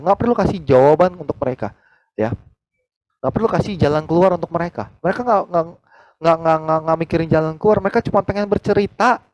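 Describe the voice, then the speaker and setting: A man, leading a team training over a video call, animated and acting out quoted conversations. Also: dry recording, poor audio. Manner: animated, acts out quoted dialogue with big pitch jumps.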